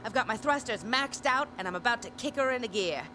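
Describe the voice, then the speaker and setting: A woman's voice: on the high side, lively intonation, brisk, noisy background, lightly acted. A woman playing a brash, wisecracking star reporter and pilot with snappy old-time slang in a radio drama. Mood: brisk, wry. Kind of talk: retro sci-fi radio drama acting.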